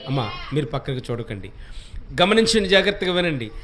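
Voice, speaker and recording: A man's voice: a little high, very animated, fairly quick, fairly bright tone. A man with a Telugu accent preaching a sermon in a church hall, exhorting and questioning his congregation. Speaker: pastor.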